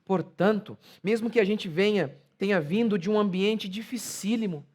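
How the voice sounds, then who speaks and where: A man with a high voice and a Brazilian Portuguese accent delivers a sermon from the pulpit. He presses his points with rhetorical questions and mocking impressions. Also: moderate pace, darkish tone. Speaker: pastor.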